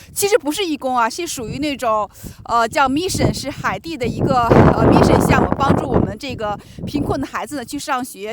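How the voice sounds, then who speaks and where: The recording is very noisy, capturing a woman's high voice on a handheld camera. She hosts her own channel, narrating as she makes her way through the snow to a home and then interviewing someone.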